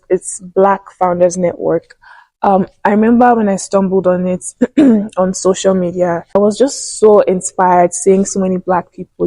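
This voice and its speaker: Young woman, podcast host, mellow tone, encouraging, dry close sound. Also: lowish voice, dry recording, low-quality recording. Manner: upbeat, encouraging, frequent affirmations. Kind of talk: casual interview chat.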